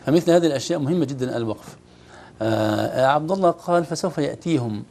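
A man's voice: mid-range voice, expressive, fast, a little mellow. A man teaching Quran recitation on a TV program, demonstrating verses and explaining how letters are pronounced.

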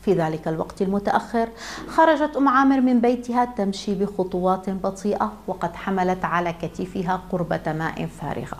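A woman narrating a moral tale in a measured, solemn storytelling manner. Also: mid-range voice, a little hiss or hum.

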